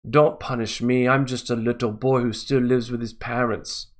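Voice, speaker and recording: A man's voice: medium pitch, level tone, moderate pace, natural voice. A man voicing a self-pitying young male protester with a mock Australian accent, whining and pleading. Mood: whiny pleading.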